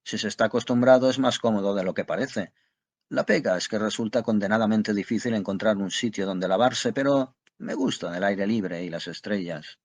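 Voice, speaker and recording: Matter-of-fact young English student, low husky voice, a man reading him. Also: moderate pace, no room sound. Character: plain-spoken young male English student.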